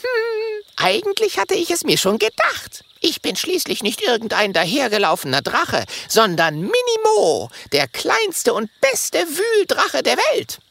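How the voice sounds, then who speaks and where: A tiny male digging dragon, boastful one moment and stammering with fear the next, voiced by a woman. The voice sits high and leaps all over the scale, with a gravelly crackle underneath. An audiobook character in full swing. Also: wildly swooping pitch, a little slow, a bit bright, heavily acted. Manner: stammering, hesitant then boastful.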